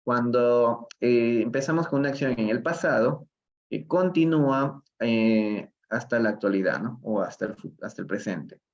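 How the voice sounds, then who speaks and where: A man's voice: mid-range voice, normal speed, lo-fi sound. A man from Peru teaching English in a live online reading lesson, patiently explaining step by step and switching between Spanish and English.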